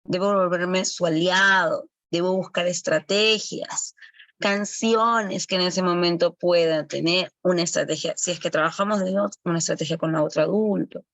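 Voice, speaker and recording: A woman's voice: on the low side, steady tone, normal speed, a bit bright, no room sound. A woman giving an online lecture to early-education assistants, explaining as she goes and correcting herself often. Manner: explanatory, with frequent self-corrections.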